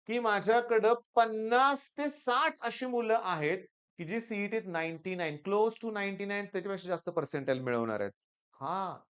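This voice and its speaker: A man's voice: high voice, clear, resonant tone, lo-fi sound. A man in his forties with a Marathi accent, a teacher giving students an earnest, reassuring motivational talk, tired and with a weaker voice than usual, often asking "okay?". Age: 40s.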